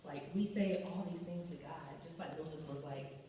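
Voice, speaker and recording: A woman's voice: sits low, moderate pace, dark tone, slight background noise. A young woman in her twenties giving a casual youth sermon, chatty and full of "like" and "y'all". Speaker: youth ministry speaker. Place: large banquet hall. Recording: echoey hall from far off.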